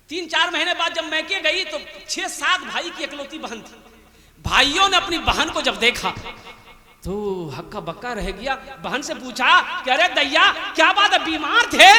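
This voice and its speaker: High, bright-voiced man preaching in an echoey hall. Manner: rousing, calls out for donations and prayers; tells a comic folk tale in a lively, animated way. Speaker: Islamic preacher at a religious gathering. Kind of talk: fundraising sermon with storytelling. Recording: echoey hall from a public address system.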